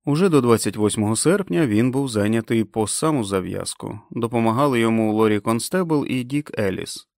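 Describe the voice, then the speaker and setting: A man reading an audiobook in a steady, even narration. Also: mid-range voice, a little fast, vocal fry, few pauses, no echo, studio quality. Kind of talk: scripted narration.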